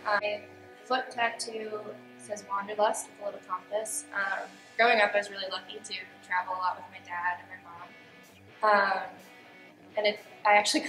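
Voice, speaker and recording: A nineteen-year-old woman from Canada talking chattily in a seated interview, laughing now and then. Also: mid-range voice. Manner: chatty, laughs between remarks. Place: studio with gray backdrop. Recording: roomy studio with music bed.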